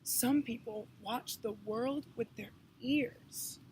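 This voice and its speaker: A woman plays a wise storybook grandmother, gently scolding and encouraging. Her voice is high and her delivery folksy and emphatic, with some background noise behind it. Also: slow, low-quality recording. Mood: firm, wise. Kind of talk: children's picture book read-aloud.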